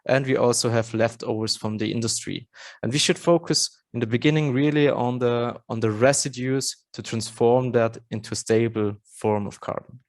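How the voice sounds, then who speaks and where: A man's voice: mid-range voice, steady tone, moderate pace. A man in his thirties from Austria, an English speaker, giving a conference presentation earnestly with frequent fillers and restarts. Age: 30s.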